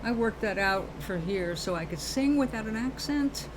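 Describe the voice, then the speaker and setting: Background noise accompanies her medium-pitched, animated voice, delivered at a moderate pace. On her live show, the New York-accented woman from New York chats with viewers about spirit, earnest and rambling, with plenty of baby and darling.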